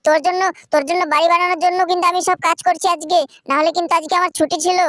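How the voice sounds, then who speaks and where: A gaming channel host narrating a role-play game video in a bossy, repetitive, excitable way. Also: extremely high pitch, rapid-fire, no room sound, studio quality.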